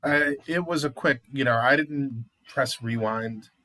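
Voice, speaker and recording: A man's voice: mid-range voice, unhurried, pushed and bright, dry recording, rough recording. A man co-hosting a casual talk show about recent news, speaking hesitantly as he thinks aloud.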